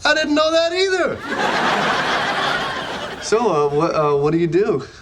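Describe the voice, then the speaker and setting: A man's voice: sits high, a little slow, exaggerated voice. An eager, stammering young man. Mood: excited. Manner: excited, stammering, loud. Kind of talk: sitcom acting. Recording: loud noisy TV clip audio.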